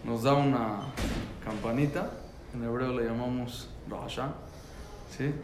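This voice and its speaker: A man's voice: medium pitch, steady tone, measured pace, roomy sound, noisy background. A man telling a personal story about his son, earnest and full of repeated words and restarts.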